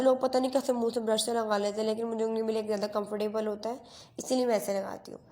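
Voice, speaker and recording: A teen girl's voice, on the high side and darkish in tone, carries a chatty get-ready-with-me vlog shot on a phone camera in her bedroom. She jokes about herself and drops English phrases into her Hindi.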